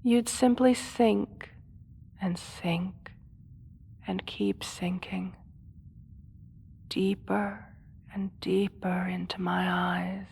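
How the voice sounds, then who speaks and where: Lady doing a seductive villainess hypnotist, slow theatrical menace, soft and coaxing, drops into whispers, audio roleplay. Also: mid-range voice, steady tone, creaky, a little hiss or hum. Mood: seductive, hypnotic menace. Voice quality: soft, often dropping to a whisper. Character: seductive, manipulative female supervillain hypnotist, gloating captor. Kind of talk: hypnosis audio role-play.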